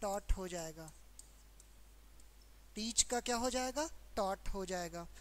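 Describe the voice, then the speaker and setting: A woman teacher with a Hindi accent explaining English verb forms in a grammar lesson, asking questions and repeating each answer. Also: medium pitch. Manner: slow, repetitive explaining with questions to students. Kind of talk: exam-prep grammar lesson.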